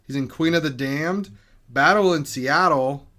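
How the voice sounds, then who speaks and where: A man's voice: a little high, unhurried, sharp tone. A man co-hosting a movie podcast, rambling casually and swearing now and then. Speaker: podcast co-host.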